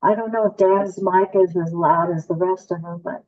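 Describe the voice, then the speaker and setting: A woman's voice: fairly low pitch, steady tone, moderate pace, a little mellow. A woman calling in to a public meeting over a muffled remote call audio line, chatty and friendly, checking that she can be heard. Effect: muffled remote call audio, like a headset mic. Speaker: online public commenter.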